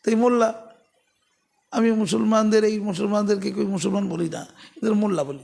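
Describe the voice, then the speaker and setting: A man's voice: high voice, fairly even intonation, a little fast, gravelly. A man giving heated political talk, sarcastic and full of rhetorical questions. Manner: sarcastic, rhetorical questions, grows loud and forceful. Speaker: political commentator.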